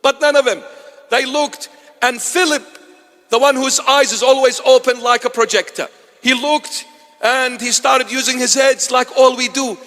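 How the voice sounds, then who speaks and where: A bishop, his voice sitting unusually high for a man, delivers a dramatic sermon. He lurches between loud exclamations and low, hushed asides with dry wit, and a long church reverb trails every phrase. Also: fairly even intonation, moderate pace. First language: Assyrian.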